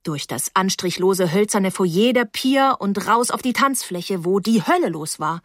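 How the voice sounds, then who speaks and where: A woman reading a novel aloud in the first person with an expressive, dramatic delivery. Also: medium pitch, a little slow, dry recording, clean studio sound. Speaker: audiobook reader. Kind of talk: expressive audiobook narration.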